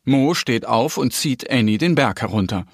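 A man narrating a children's audio story in a gentle, expressive storytelling manner. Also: medium pitch, moderate pace, gravelly, no echo, studio quality.

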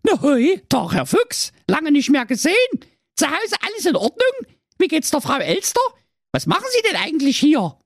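Man putting on an old mother goat, shrieking, very high, swooping wildly, dry close sound. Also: huge pitch swings, normal speed, vocal fry, no echo, exaggerated voice. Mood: chatty. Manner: shrieking, scolding. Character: furious old mother goat, shrill and foul-mouthed.

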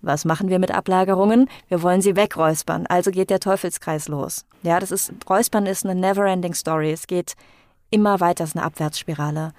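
A woman's voice: lowish voice, steady tone, brisk, darkish tone, no echo. A woman voice coach explaining her work in a podcast interview, thoughtful and explanatory, with frequent fillers.

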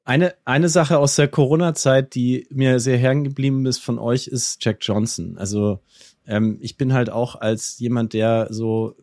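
A man in his forties hosting a podcast, asking questions and joking in a relaxed way. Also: mid-range voice, measured pace, no room sound, studio quality. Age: 40s. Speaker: podcast host. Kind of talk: casual chat.

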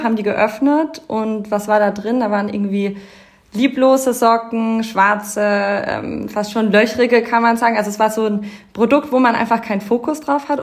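A woman in her thirties, a company co-founder, telling a story in a relaxed podcast chat with many fillers. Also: fairly high pitch. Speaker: fashion label co-founder, guest. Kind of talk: casual podcast interview.

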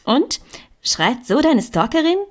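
A woman's voice: sits high, sing-song, slow, voice pushed up, heavily acted. A woman putting on a bossy young friend. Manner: pushy, urging, lecturing.

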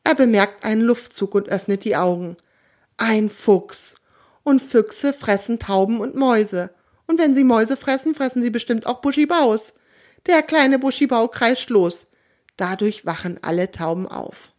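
A woman reading a children's story aloud in a gentle, lively storytelling manner. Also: on the high side, measured pace.

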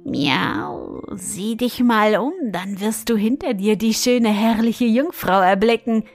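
A woman's voice: medium pitch, lively intonation, slow, gravelly. A clever, scheming cat, put on by a woman reading a fairy tale, who purrs out a meow before she speaks. She takes her time over every word. Faint music plays underneath. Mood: sly. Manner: starts lines with a meow.

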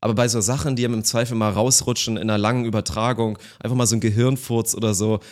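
A man co-hosting a podcast, talking through a topic in an animated, ranting way with rhetorical questions. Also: fairly low pitch, quick pace. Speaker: podcast co-host. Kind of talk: casual podcast chat.

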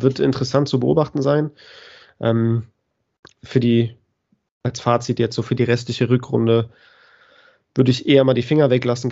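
A man co-hosting a podcast, giving hesitant, measured analysis with lots of fillers. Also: medium pitch, creaky, dark tone. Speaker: podcast co-host. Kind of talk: casual analysis. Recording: dull lo-fi sound.

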